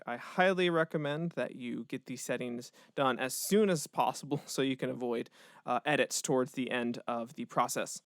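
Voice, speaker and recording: Relaxed man explaining software steps. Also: a little high, no echo, studio quality. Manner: casual step-by-step explaining with fillers. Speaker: music educator. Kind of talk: screen-recorded software tutorial.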